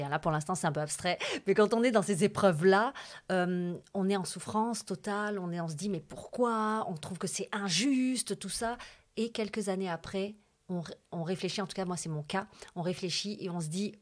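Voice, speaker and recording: A woman's voice: on the low side, moderate pace. A young woman from the French Alps, a guest telling a personal story in casual, emotional chat, with many fillers and asides. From France, Hautes-Alpes. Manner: chatty and lively, with many fillers and asides to the host.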